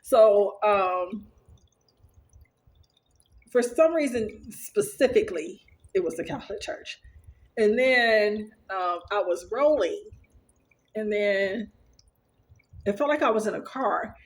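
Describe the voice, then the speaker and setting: Woman vlogger, mid-pitched, casual and rambling storyteller, earnest. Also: lively intonation, slow, pauses often. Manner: rambling, with many fillers and restarts. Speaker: vlogger sharing her dreams.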